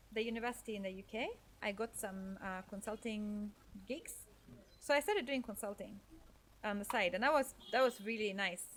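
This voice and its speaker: A Norwegian woman with a mid-range voice appears as a podcast guest, sharing her life story in a thoughtful, conversational way. She uses frequent fillers and often corrects herself.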